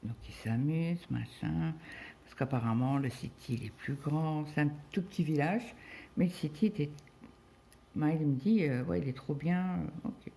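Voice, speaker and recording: A middle-aged woman from France talks casually as she stitches, her voice dark and mellow. She rambles through a story with many fillers and quoted back-and-forth. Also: deep voice, moderate pace, gravelly. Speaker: crafting vlogger. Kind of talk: casual chat while cross-stitching.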